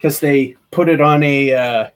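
Unhurried, medium-pitched, and fairly even in intonation, a thirtysomething channel host chats through a casual, meandering vlog update with fillers and restarts. It's recorded on a webcam at desk distance in his small attic room under a sloped wood-paneled ceiling.

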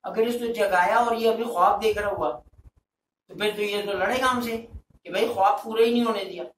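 A woman voicing a boastful, scheming man from a kids' story, telling his dream in an animated way, recorded from a distance in a roomy space. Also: high voice, normal speed. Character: boastful scheming man, one of three friends. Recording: roomy, distant mic, faint hum.

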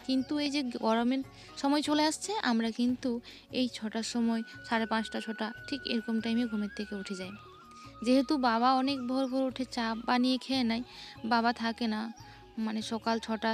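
A woman's voice: a little high, a little mellow. A young woman, narrating her morning chores in a chatty home vlog. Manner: chatty, describing chores as she goes. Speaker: vlogger.

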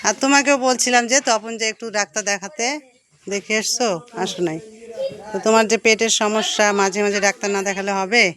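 A woman health worker talking to her viewers outdoors, a little out of breath, gently coaxing and advising the people she meets. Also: medium pitch, steady tone, a little fast. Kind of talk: casual vlog talk to viewers. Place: outdoors by a village road.

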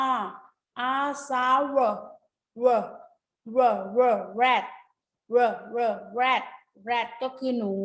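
Slow, deliberate woman teaching phonics. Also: high voice, fairly bright tone, reverberant. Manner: slow, drawn-out repetition of letter sounds. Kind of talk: phonics lesson for children.

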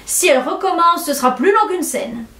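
A woman reading aloud and voicing a sharp-tongued older woman who mocks a young girl at an audition. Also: a little high, fairly even intonation, brisk, echoey room, natural voice. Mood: mocking. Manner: teasing, witty quips.

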